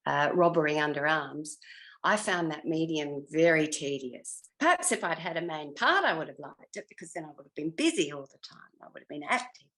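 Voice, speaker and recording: Her voice is low-pitched and expressive, fairly quick, with a fairly bright tone. She's a retired actress past sixty, musing aloud in a casual interview as her sentences drift away unfinished.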